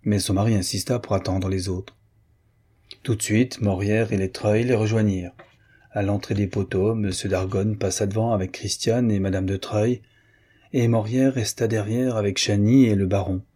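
A man narrating a novel in a measured, literary reading. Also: lowish voice, dark tone, breathy edge. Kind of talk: audiobook narration.

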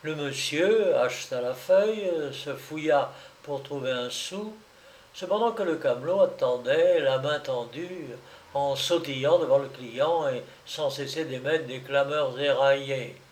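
A man narrating a literary story in a measured, expressive reading. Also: medium pitch, reverberant.

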